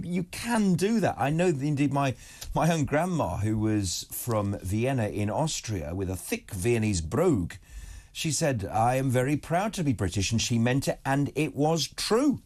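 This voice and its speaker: A man hosting a broadcast interview, talking in an animated way and often cutting in with quick agreement. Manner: animated, interjecting, rising emphatic pitch. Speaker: TV interviewer, host.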